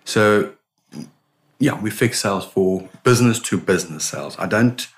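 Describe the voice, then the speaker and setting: Middle-aged man, low voice, animated interview guest, restarts words. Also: normal speed. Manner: animated storyteller, repeats words when starting. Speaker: sales consultant guest. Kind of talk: interview answers.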